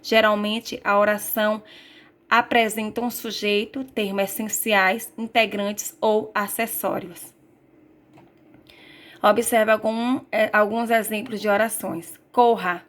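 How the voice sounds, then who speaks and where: A woman's voice: mid-range voice, flat delivery, slow, a bit bright. A Brazilian woman teacher giving a recorded grammar lesson, reading from slides and sometimes correcting herself as she goes. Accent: Brazilian Portuguese. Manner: reads slides aloud with self-corrections.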